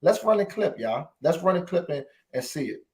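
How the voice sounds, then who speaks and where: Impassioned male podcast host, slightly high voice. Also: big pitch swings, normal speed, a little mellow. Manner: emotional, preaching to listeners, repeats phrases. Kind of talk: impassioned commentary.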